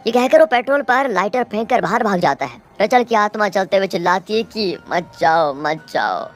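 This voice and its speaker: A woman's voice: medium pitch, brisk, faint music behind. A woman narrating a horror movie's plot dramatically, addressing viewers as friends.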